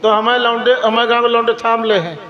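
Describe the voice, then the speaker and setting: An actor playing a dim-witted village sidekick in folk stage theatre, mishearing words in a high, drawling comic voice. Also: male voice, flat delivery, lo-fi sound. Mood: muddled. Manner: slow and confused, mishears words. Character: dim-witted rustic male sidekick, slow and muddled. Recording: loud music over stage recording.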